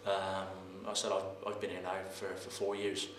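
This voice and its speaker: A footballer in his thirties speaks in a low, flat voice during a post-match interview, halting, repeating words and pausing on "um." He stands before a sponsor board in the press room, framed head and shoulders on a camera mic, with roomy sound and faint background noise.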